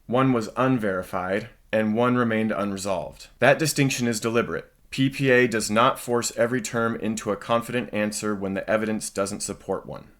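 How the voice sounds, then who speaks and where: A man giving a scripted narration of a software demo as its presenter. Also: lowish voice.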